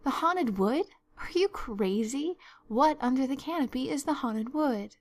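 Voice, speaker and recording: Woman acting older woman, stern, sensible, brisk, sarcastic, no-nonsense storybook guardian. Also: medium pitch, animated. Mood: incredulous, scolding. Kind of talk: storybook narration.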